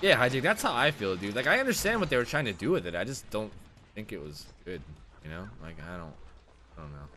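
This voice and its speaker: A young man giving live-stream gameplay commentary, excitable and profane, swinging from loud outbursts to low mutters. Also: fast, a little hiss or hum. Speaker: streamer playing a survival horror game.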